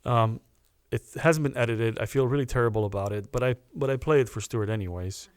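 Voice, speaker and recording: A man, a guest on a podcast, telling a personal story in a casual, animated way, often stopping to restart a phrase. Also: mid-range voice, brisk, clear, resonant tone, no room sound, studio quality. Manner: animated anecdote teller with restarts.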